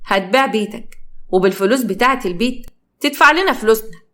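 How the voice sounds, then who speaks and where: A woman's voice: medium pitch, fast, close to an everyday voice. A woman voicing a stern male trader demanding his money back, in an Egyptian accent. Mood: angry. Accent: Egyptian Arabic. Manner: harsh, demanding.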